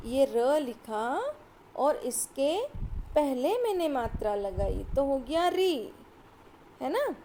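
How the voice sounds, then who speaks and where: A woman's voice: high-pitched, warm tone, slight background noise. A woman teacher giving a patient Hindi lesson to young children, sounding words out one by one and cheering them on.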